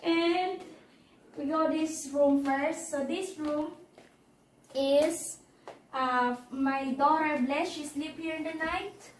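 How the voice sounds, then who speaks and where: Here a high, steady-toned voice with a Filipino accent belongs to a female vlogger showing off her house, both the patio and inside. Slightly hoarse and prone to throat clearing, she speaks in an unhurried, halting, chatty way and repeats phrases. The recording is roomy and echoey, with the mic far away and noise behind her.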